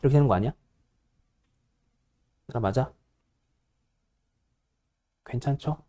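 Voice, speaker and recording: A male high school math teacher lecturing a class, bossy and teasing, always checking whether students follow. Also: takes it slowly, noisy background.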